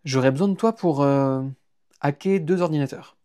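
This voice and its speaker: A man's voice: fairly high pitch, moderate pace, dark tone, natural voice. A man voicing a bold, earnest young woman thief in an audiobook, speaking insistently. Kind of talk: audiobook character voice.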